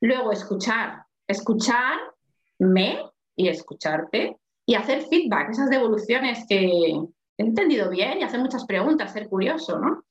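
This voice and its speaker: Woman, strong voice, expressive chat, dull lo-fi roomy recording. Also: a little high, measured pace. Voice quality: strong, loud voice. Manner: expressive, thinking aloud with restarts. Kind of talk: casual group discussion. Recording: echoey, dull lo-fi sound.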